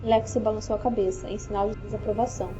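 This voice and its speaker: Mellow woman reading an audiobook. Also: medium pitch, fairly even intonation, fast. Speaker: audiobook narrator. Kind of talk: audiobook narration. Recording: dull lo-fi with faint music.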